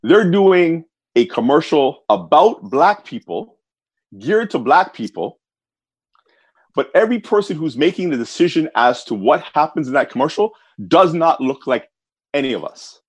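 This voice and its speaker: Male podcast guest, passionate and animated, quotes others in lively voices, dry sound. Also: on the high side, moderate pace, breathy edge, no echo. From Canada. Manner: animated, impassioned, acts out quoted people. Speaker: voice actor. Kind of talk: casual podcast discussion.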